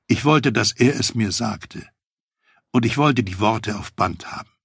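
A man narrating a first-person memoir audiobook in a measured, matter-of-fact way. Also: on the low side, gravelly, a bit bright, slightly rough, dry recording, studio quality.

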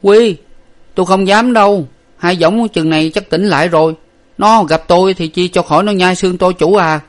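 A man reading a story, voicing an excitable, timid young male servant who shouts urgently. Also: a little high, brisk, voice pushed up, close to an everyday voice. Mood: fearful.

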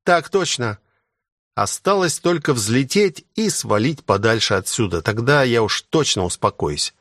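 A man reading a first-person adventure audiobook with steady dramatic storytelling. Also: mid-range voice, moderate pace, no echo, clean studio sound. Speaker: audiobook narrator.

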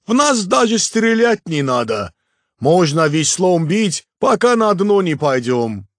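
A big, good-natured boat skipper, as a male narrator puts him on, his voice lifted high and swinging widely. He drawls his words unhurriedly and keeps ending lines with a questioning "da?". The audiobook recording is close and dry. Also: very animated, a bit bright, no room sound, exaggerated voice. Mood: excited. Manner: slow, drawn-out, ends phrases with a questioning "da?". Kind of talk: audiobook character voice.

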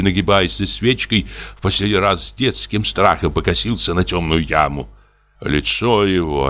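A man narrating a classic short story in a measured, even storytelling manner. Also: sits low. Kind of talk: audiobook reading of a classic story.

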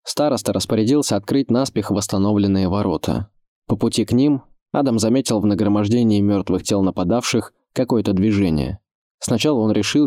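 A man giving measured, scripted audiobook narration. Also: lowish voice, warm tone, dry recording, studio quality.

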